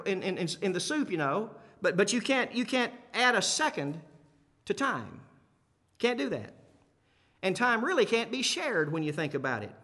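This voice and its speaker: A long hall reverb surrounds a man's high-pitched, sharp-toned voice as he preaches to a congregation. He keeps it emphatic but conversational, returning to key phrases and questioning those listening.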